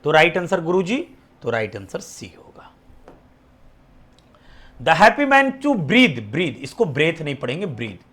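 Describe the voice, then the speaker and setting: A high, lively male teacher with a Bihari Hindi accent runs an exam-prep lesson. He keeps asking his students questions and repeats each answer back to them. He often sinks to a near-whisper on the answers. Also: slow, pauses often.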